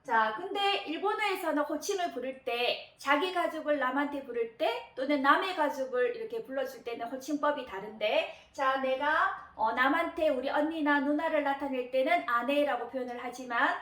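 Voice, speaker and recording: A woman teaching Japanese kanji readings, patient, often pausing with fillers and repeating key words slowly. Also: high voice, a bit bright. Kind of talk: explanatory lesson narration. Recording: roomy echo.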